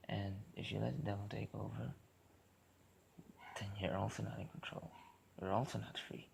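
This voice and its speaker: A man with a very creaky, lowish voice delivers a rambling philosophical rant. He talks casually and haltingly, circling back and repeating his phrases as he goes. The recording is clearly noisy. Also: steady tone, a little mellow. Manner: halting, repetitive, self-interrupting. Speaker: vlogger.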